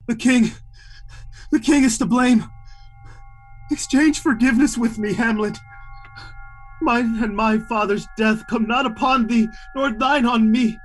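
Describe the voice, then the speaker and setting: A man playing a repentant, dying young nobleman in a theatrical Shakespeare drama, husky, grave and urgent. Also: very high-pitched, measured pace, soft background music, poor audio. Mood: urgent, pleading. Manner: grave, urgent verse delivery. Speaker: actor in a student Shakespeare production.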